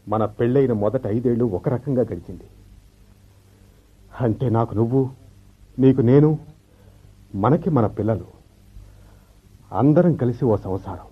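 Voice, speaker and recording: A bitter, brooding husband in an old radio show, speaking in a husky, slightly high voice that rises and falls widely. The sound is dull and lo-fi, like a vintage radio broadcast. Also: male voice. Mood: reproachful. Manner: slow, reproachful, reflective speech. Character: bitter middle-aged husband, a clerk left behind. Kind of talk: 1970s radio drama acting.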